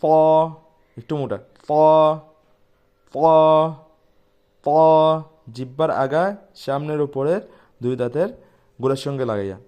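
A man teaching pronunciation, repeating each sound slowly and loudly before explaining calmly. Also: mid-range voice. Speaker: Quran recitation teacher. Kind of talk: letter-by-letter pronunciation lesson.

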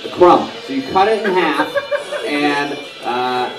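Slow, halting young man on stage. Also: fairly high pitch, expressive, over music. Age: young adult. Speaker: comedy show host asking questions. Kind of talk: live comedy banter. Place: small indoor comedy bar stage. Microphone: handheld mic, heard from far camera. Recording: echoey bar, distant camera, loud background.

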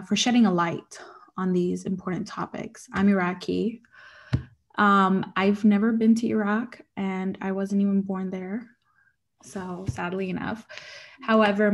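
A young woman from the United States giving an earnest, grateful comment as a panelist on a video call from her living room. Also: medium pitch. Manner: earnest, grateful, with many fillers. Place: living room at home, indoors. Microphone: laptop webcam.

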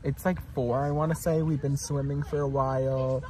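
A man's voice: medium pitch, little pitch movement, normal speed. A young American man in his late teens chatting casually to his vlog in a bubbly, gushing, slangy manner. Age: late teens to young adult. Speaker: vlogger. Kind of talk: casual vlog chat to camera. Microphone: phone at arm's length. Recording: noisy phone vlog audio.

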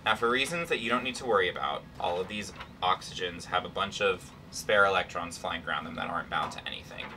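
A man's voice: sits low, fast talker, pushed and bright. A young man explaining science casually, in a playful, slangy, irreverent way. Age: young adult. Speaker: chemistry presenter. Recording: distant camera mic, faint room noise.

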